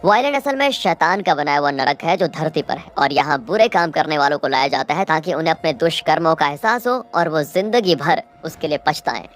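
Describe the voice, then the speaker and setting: A woman with a low voice retells a movie's plot in a dramatic storytelling manner. She talks to viewers directly, as if to friends. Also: lively intonation, a little fast, hardly any pauses. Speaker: movie recap narrator.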